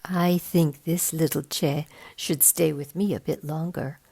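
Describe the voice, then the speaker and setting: A woman's voice: low voice, fairly even intonation, a little slow, creaky, dark tone, husky, full character voice. A woman voicing a cheerful, matter-of-fact female guide, Spider-Woman, in a storybook reading.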